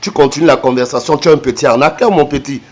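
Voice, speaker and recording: A man from Cameroon on a recorded phone call, slow and hesitant when reading numbers back, then taunting the caller with repeated insults. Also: fairly high pitch, a little mellow. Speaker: phone call recipient exposing a scammer.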